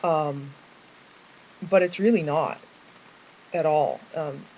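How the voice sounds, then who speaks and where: Young Canadian-accented man, casual camera diary, halting and filler-heavy; muffled mic, light hiss. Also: on the high side, darkish tone. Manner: hesitant, thinking aloud with many ums and likes. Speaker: vlogger. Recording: muffled lo-fi recording with faint hiss.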